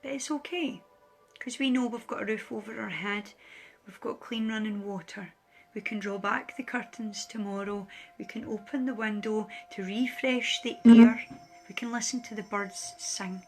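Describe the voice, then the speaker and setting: Emotional woman, light worker, earnest heartfelt appeal to viewers, mid-pitched, soft music behind. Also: fairly even intonation, normal speed. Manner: earnest, pleading, repeats phrases for emphasis. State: emotional, close to tears. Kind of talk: heartfelt direct address to viewers.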